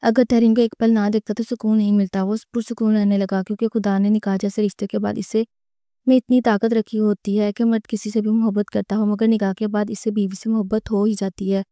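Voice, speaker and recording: Woman reading a love story out loud, steady and even, dry close mic. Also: mid-range voice, dry recording. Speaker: narrator. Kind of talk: scripted narration of a romance novel.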